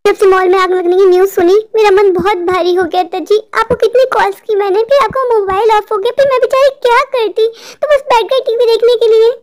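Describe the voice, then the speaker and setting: Soft reassuring cartoon wife voiced by a woman, very high pitch, deferential. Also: steady tone, a little fast, hardly any pauses. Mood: explaining. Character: soothing, dutiful young wife. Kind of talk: cartoon voice acting.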